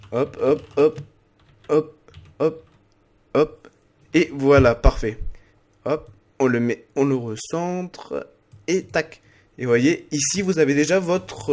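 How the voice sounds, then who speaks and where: A man hosting a casual screen-recorded software tutorial, talking haltingly with many fillers and restarts as he narrates his clicks. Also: a little high. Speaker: streaming tutorial host.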